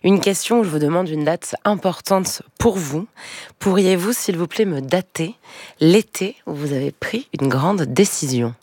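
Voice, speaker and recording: A woman hosting a radio talk show, introducing guests in a measured, formal way. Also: fairly low pitch, mellow, breathy edge, no room sound. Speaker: radio host.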